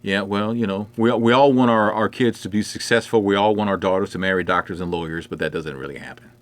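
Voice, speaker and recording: A middle-aged man speaks quickly in a lowish voice during a casual livestream from inside his home. He answers what viewers comment in a loose, rambling, conversational manner, leaning heavily on fillers such as "you know."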